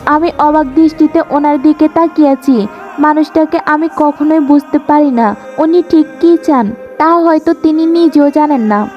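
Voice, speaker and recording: A woman with a high voice tells a first-person romance story, leaning into the drama with emotive delivery. The recording is a little dull and lo-fi, with faint music playing under her. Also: moderate pace. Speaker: story narrator.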